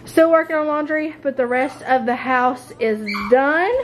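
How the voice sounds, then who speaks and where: An American homemaking vlogger chats casually and ramblingly to a handheld camera held at arm's length in the open-plan living room and kitchen of her mobile home. Her voice sits high and a little slow, and the rough recording carries a slight hiss or hum.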